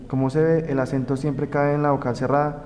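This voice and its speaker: A young man from Colombia reads out spelling rules and example words one by one, slow and deliberate like a class presentation. His voice carries a lingering reverb with a faint noise underneath. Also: mid-range voice, flat delivery, a little mellow. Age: young adult. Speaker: student presenter. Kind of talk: reading a grammar tutorial.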